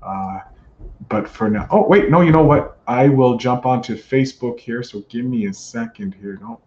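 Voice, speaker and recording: A man hosts a live podcast in a casual, chatty way with a ringmaster's flair for announcing. His voice sits at a medium pitch. The sound is roomy and somewhat dull, like a lo-fi stream. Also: mellow. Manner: ringmaster-like showman greetings, drawn-out announcing. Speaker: podcast host. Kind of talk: live-streamed solo show, casual chat.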